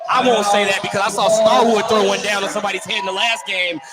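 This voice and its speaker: Over loud background music, a high-voiced man speaks fast and in a steady tone, giving radio play-by-play of a live basketball game. He uses clipped, running phrases, and the indoor gym broadcast is very noisy.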